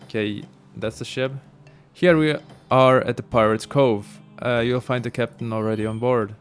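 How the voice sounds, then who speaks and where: A man streaming a game live, making relaxed, offhand asides to his chat. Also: medium pitch, moderate pace. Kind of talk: casual game livestream chat. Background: game music.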